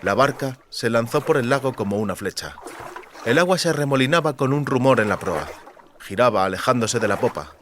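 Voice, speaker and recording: Reading scripted literary fantasy fiction for an audiobook, this male narrator has a medium-pitched, fairly bright voice with lively intonation and a slightly fast pace. Slight background noise comes from clearly audible lapping water and a rowing boat.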